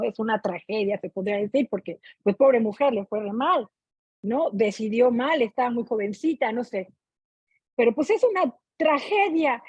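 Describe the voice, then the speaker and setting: A middle-aged woman with a Mexican Spanish accent talks expressively about her reading as a book club participant, often checking that others agree. Her voice sits high, with a darkish, slightly rough tone. The online meeting audio is muffled and echoey.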